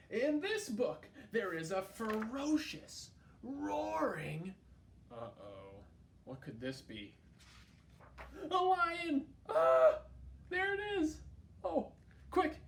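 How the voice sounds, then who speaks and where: Hosting a children's storytime at the library, this man reads a picture book in a voice that sits high, with a little background noise in the recording. He hams it up playfully and expressively, turning to the kids with questions and prompts.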